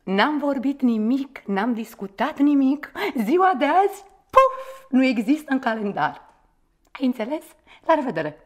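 A sardonic, unfaithful woman with a high voice. She answers in clipped, sarcastic retorts and needles her lover mercilessly. Cool and mocking. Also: big pitch swings. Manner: curt, sarcastic, cutting one-word retorts. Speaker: mistress in a radio play. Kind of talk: radio theatre acting.

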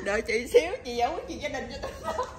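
A woman's voice: high-pitched, sing-song, quick pace, a little hiss or hum. A woman chatting with her pets in a teasing, coaxing way, laughing often. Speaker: pet channel host. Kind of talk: casual chat to her pets.

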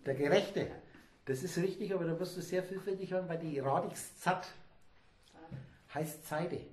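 A man's voice: fairly high pitch, moderate pace, darkish tone. A man giving a spontaneous, rambling lecture to a small audience, emphatic and digressive. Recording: echoey room.

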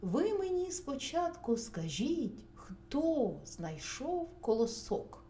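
Woman doing a bright hardworking rooster. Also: high voice, big pitch swings, slow, full character voice. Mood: cheerful calling. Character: cheerful hardworking male rooster. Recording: roomy recording, faint hum.

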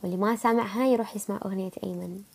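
A woman's voice: medium pitch, steady tone, rapid-fire, gravelly, a little mellow, slightly rough. A young woman with an Iraqi Arabic accent, feeling sick, chatting casually with viewers on a livestream and answering their comments. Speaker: livestream host. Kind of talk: casual live chat with viewers.

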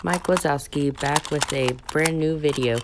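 A woman hosting a reaction video with casual, halting commentary full of short exclamations, on a home recording. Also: sits low. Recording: noisy home recording with clicks.

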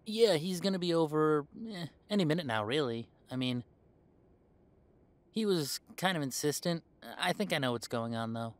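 A voice actor in a roleplay audio drama plays an easygoing, confident young werewolf, sounding amused and self-assured. His voice is a little high and expressive at normal speed, lightly acted, and he talks in a chatty, hesitant, conversational way.

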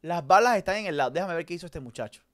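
A man streaming a horror game live, talking to his chat and swinging between mutters and loud outbursts. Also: high-pitched, expressive, very fast, no echo, studio quality. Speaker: gaming streamer. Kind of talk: live let's-play commentary.

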